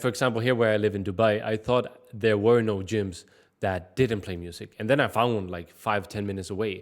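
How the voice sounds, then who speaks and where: A man's voice: on the low side, fairly even intonation, fast talker. A man from Sweden, giving direct, conversational advice in a casual fitness vlog. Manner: direct, conversational, frequent "like" and "I mean" fillers. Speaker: fitness vlogger.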